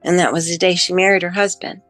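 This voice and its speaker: Middle-aged woman, deep-set voice, unhurried, heartfelt personal testimony, dry close sound with soft music behind. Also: flat delivery, no room sound. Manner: emotional, halting with pauses and fillers. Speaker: near-death experience witness.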